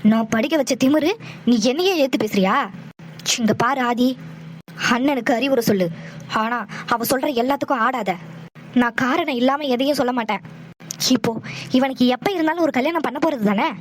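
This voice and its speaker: A woman's voice: high-pitched, a little fast, pauses often, a little hiss or hum, lightly acted. A woman voicing a stern old village patriarch. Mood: scolding. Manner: scolding, domineering.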